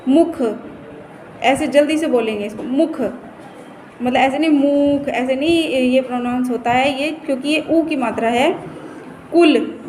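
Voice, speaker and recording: Speaking a little fast with few pauses, this teacher's high-pitched voice explains Hindi vowel signs patiently in a classroom. She points at the board, repeating and drawing out every word, in an echoey room with faint noise.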